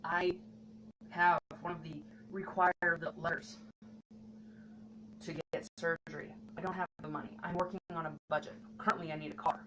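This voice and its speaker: A woman's voice: fairly low pitch, flat delivery, moderate pace. A woman talking candidly and earnestly to the camera in a personal vlog. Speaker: vlogger. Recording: noticeable background noise.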